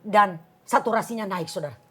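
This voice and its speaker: A woman's voice: mid-range voice, fairly quick, pushed and bright, slightly rough. A woman pastor in her fifties with an Indonesian accent, giving an emphatic, preaching testimony on a TV talk show. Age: 50s. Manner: fervent, emphatic preaching, addresses listeners as saudara.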